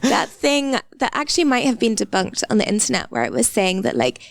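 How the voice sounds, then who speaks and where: A woman co-hosting a podcast, telling stories in a lively, animated way with a gravelly edge to her voice. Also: a little high, fairly quick, no echo. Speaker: podcast co-host. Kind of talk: casual chat.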